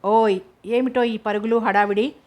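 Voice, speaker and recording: A woman reading the lines of a kindly old grandfather, teasing gently. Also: a little high, steady tone, normal speed, lightly acted.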